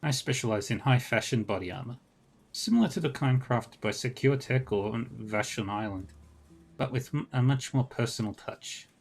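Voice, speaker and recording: A man's voice: medium pitch, expressive, moderate pace. Man doing a poised armor fashion designer. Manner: precise, self-assured, formal.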